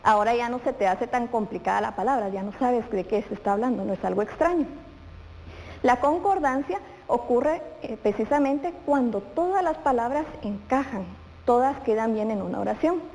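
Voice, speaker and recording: In a reverberant room with faint noise, a primary school teacher leads a televised children's grammar lesson, addressing the pupil directly with questions she then answers herself. Her fairly high voice is expressive and darkish in tone, moving at a normal speed.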